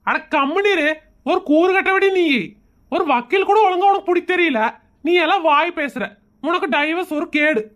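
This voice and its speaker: Man acting, exasperated sarcastic husband, Kongu Tamil accent, high voice, mocking complaints, comedy skit. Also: moderate pace, a bit bright. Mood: scolding. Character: exasperated, sarcastic husband who mocks everyone around him.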